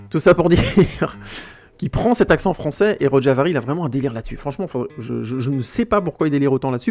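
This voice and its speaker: A man talks through a film review in a loose, conversational way, wandering off on tangents and restarting his sentences. His voice sits at an ordinary middle pitch. Soft guitar music plays faintly behind him. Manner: chatty, digressive, with restarts and searching for words. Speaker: film critic podcast host. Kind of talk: casual spoken film review.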